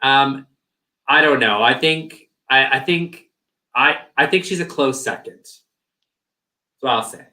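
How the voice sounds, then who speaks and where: Hoarse-edged man with a bright voice. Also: mid-range voice, measured pace, pauses often. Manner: hedging, thoughtful. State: losing his voice, throat-clearing. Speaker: co-host. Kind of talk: casual review chat.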